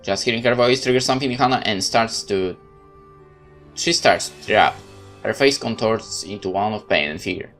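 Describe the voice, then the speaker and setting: With faint music behind him, a man narrates a horror visual novel in the first person for a game let's-play. He keeps it measured and theatrical, his lowish voice a bit bright.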